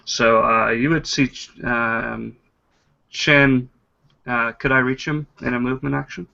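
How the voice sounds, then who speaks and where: Gravelly man narrating a sword strike. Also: mid-range voice, fairly even intonation, a little slow, sharp tone, lo-fi sound. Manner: hesitant, many uh's, vivid narration. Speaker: player. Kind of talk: casual tabletop play and narration.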